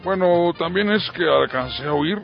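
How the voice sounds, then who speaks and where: A gruff, blustering old politician with a Mexican accent in a radio comedy sketch. His voice is gravelly and fairly high for a man, with a crude, bullying edge. The sound is lo-fi radio with faint music underneath. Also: moderate pace. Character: crude bigoted older male politician, gruff. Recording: lo-fi radio broadcast.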